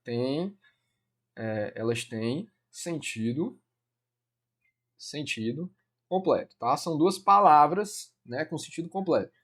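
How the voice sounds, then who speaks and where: A man's voice: fairly high pitch, expressive, slow pace, pauses often. A man with a Brazilian Portuguese accent teaching a Portuguese grammar lesson for an exam, chatty and informal, peppering his explanations with "né" and addressing students as "galera". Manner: casual, addresses students as "cara" and "galera", many fillers like "né".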